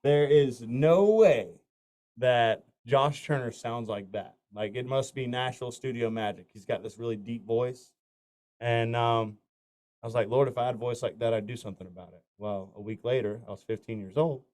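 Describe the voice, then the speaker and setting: In a relaxed interview, a country singer from north Florida tells long, meandering stories full of fillers and false starts. His mid-range voice moves at a normal speed and sounds a little mellow.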